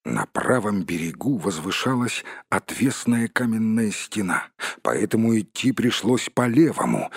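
A man narrating a storybook in a steady storytelling manner with a husky voice, at times addressing the listener. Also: lowish voice, dry recording, clean studio sound. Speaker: audiobook narrator. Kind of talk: scripted narration.

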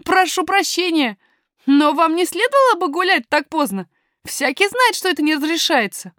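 A woman's voice: very high-pitched, very animated, moderate pace, fairly bright tone, dry recording, studio quality, voice pushed up, exaggerated voice. A woman reading a storybook, voicing a bold, earnest young miner boy in a firm, matter-of-fact way. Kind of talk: audiobook character voice.

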